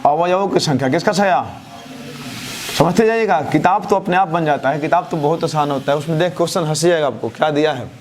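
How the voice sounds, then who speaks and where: A man teaching a math class, who keeps asking questions and answering them himself, his answers dropping low and soft. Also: quick pace, a little hiss or hum. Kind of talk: classroom lecture with call-and-response questions.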